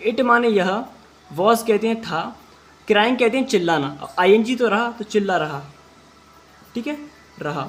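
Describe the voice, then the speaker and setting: A man teaching an English class, reading English sentences slowly word by word and then explaining each word step by step. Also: sits high, fairly bright tone. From India. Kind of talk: classroom translation lesson.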